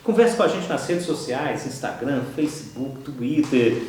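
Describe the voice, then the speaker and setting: A Brazilian man with a Brazilian Portuguese accent teaching an online course, who keeps checking in with quick "ok?" and "tá?" asides. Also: medium pitch, animated, a little mellow, recorded from a distance. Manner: explanatory, frequent "tá?" and "ok?" checks. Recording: echoey room, voice from off-mic.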